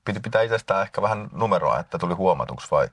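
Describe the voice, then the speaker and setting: A man's voice: deep voice, lively intonation, a bit bright, no echo. A man hosting an interview, asking short questions and prompting his guest along. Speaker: interviewer, host. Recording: distant dry mic.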